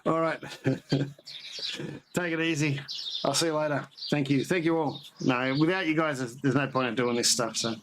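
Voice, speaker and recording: A man's voice: mid-range voice, steady tone, moderate pace. Male host, mid-range voice, chatty and rambling, noisy outdoor audio with birdsong. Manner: rambling, chatty, laughs often. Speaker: homebrew channel host. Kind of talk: casual live-stream chat. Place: at home, near the garage, partly outdoors.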